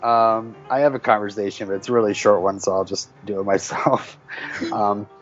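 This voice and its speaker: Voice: deep voice, steady tone, moderate pace, muffled recording. A podcast co-host reading a listener letter aloud in a casual way. They trip over words and laugh now and then. Faint music plays in the background. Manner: laughs often, stumbles while reading.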